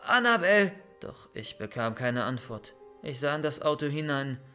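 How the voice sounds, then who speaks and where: Young male storyteller for a bedtime creepypasta, even mid-pitched voice, soft music underneath. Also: normal speed. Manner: calm storytelling, loud shouted calls in scenes. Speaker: narrator of horror stories. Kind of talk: scripted first-person horror narration.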